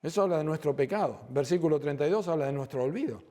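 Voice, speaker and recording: Animated Argentine preacher, dark tone. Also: male voice, fairly high pitch, quick pace. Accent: Rioplatense Spanish. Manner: animated preaching, acts out dialogue, rhetorical questions. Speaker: pastor. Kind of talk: sermon. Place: church.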